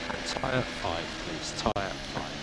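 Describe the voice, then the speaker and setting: A man's voice: sits low, expressive, takes it slowly, over loud music, poor audio. A man working as a race engineer, giving terse, clipped instructions over team radio and repeating short calls to his driver.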